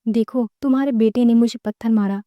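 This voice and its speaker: An angry, injured grown man makes his accusation, as a woman reads his part. The delivery stays flat and mellow, close and dry. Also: a little high, a little fast, no room sound, dull audio, lightly acted. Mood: accusing.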